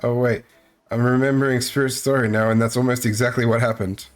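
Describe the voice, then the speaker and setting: A man's voice: medium pitch, fairly even intonation, fairly quick, faint music behind. Sarcastic man streaming a dating game. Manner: sarcastic, reads character lines in voices. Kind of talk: live game commentary and reading aloud.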